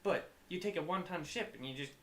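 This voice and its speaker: Fast-talking man chiming in. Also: high-pitched, slight background noise. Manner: quick corrections, chiming in. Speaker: player. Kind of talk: casual chat at a game table. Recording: echoey room.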